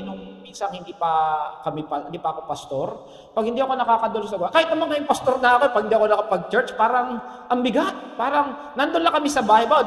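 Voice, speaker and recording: High-voiced pastor preaching in an echoey hall. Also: male voice. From Philippines. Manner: animated preaching, often asks the congregation "Amen?". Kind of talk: sermon. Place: church worship hall. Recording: echoey church hall with long reverb.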